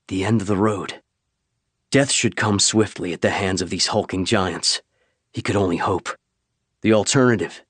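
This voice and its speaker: A man with a lowish voice reads an audiobook in a measured, steady delivery. The sound is close and dry, recorded on a studio microphone. The pacing holds even through the action. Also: no room sound. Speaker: audiobook narrator. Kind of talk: scripted narration.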